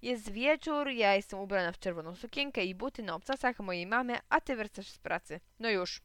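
A woman's voice: medium pitch, expressive, brisk, fairly bright tone, clear, resonant tone, no echo, lightly acted. A woman voicing a bossy little girl who scolds her playmate while they play house.

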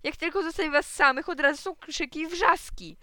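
A woman reading a busy, affectionate mother who gently chides her son. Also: high voice, a little fast, no echo, studio quality, pitched above the performer's own voice. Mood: chiding. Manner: chiding, affectionate.

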